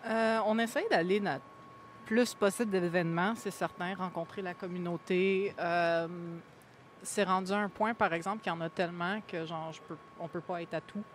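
A woman's voice: on the low side, fairly even intonation, moderate pace, slight background noise. A woman with a Québécois accent, a guest answering interview questions in a casual, talkative way with lots of fillers. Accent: Québécois French. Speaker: guest, gaming media host.

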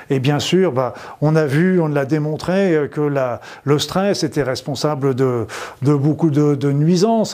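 A man with a soft-edged, very mellow voice pitched a little high hosts an informal self-help lesson. He talks to viewers as friends, keeps explanations simple and repeats phrases to make them land. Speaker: host of a weekly self-help video series. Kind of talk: informal spoken lesson with guided visualization.

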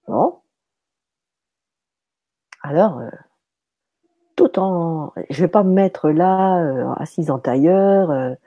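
Woman, storytelling medium, lively pitch, husky, dry close sound. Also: no room sound. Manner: animated, many fillers and restarts. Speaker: medium teaching soul passage. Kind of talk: casual storytelling chat.

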